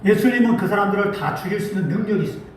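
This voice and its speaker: A man preaches from the pulpit of a church, his high voice carrying through a very reverberant hall. He throws rhetorical questions at the congregation and acts out quoted lines with rising emphasis. He sounds a little distant from the microphone. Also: rapid-fire, a little hiss or hum. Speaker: pastor. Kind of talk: sermon. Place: church sanctuary.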